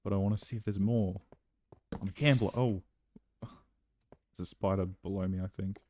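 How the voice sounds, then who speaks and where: A young man talking through a game in a casual, rambling way, his voice low and mellow. He chats along as he plays and now and then breaks into excited bursts. A faint hiss of background noise sits under the recording. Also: moderate pace. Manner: chatty, rambling, sudden excited outbursts. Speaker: gameplay commentator. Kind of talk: casual let's-play commentary.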